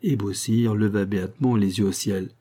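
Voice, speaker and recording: Man narrating a classic novel; husky, dark, measured. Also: lowish voice, fairly even intonation. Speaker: audiobook narrator. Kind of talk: scripted narration.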